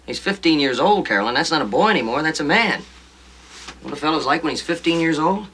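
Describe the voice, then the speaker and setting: Frontier dad: middle-aged, protective, plain-spoken, fast delivery, mid-range voice, faint background noise, period TV drama. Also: male voice, fairly high pitch, expressive, sharp tone. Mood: disapproving. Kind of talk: television period drama acting.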